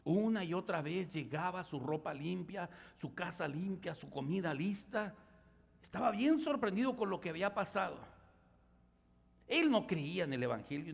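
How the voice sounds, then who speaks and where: A man pastor preaching a sermon, telling stories and acting out the voices, building to loud outbursts. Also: sits high, creaky, slightly rough. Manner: storytelling preacher, acts out voices, rises to shouts. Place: church sanctuary. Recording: church hall reverb.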